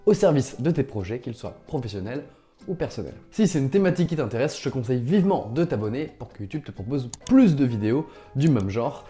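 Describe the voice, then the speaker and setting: A man's voice: medium pitch, very animated, a little fast, music in the background. A young man hosting a YouTube video, talking casually and directly to viewers. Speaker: YouTube host. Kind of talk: casual presentation to camera.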